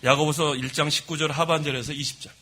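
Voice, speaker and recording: A middle-aged man preaching a sermon from the pulpit of a church, telling stories about himself in a lively way. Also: on the high side, fast. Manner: lively storytelling, admits his own faults. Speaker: pastor. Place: church sanctuary.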